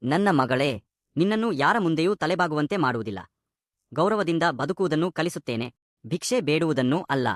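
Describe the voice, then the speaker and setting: A man voicing a young abandoned pregnant woman, speaking in a soft, grieving way. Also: a little high, expressive, fairly quick, dry recording, clean studio sound, natural voice. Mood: resolute.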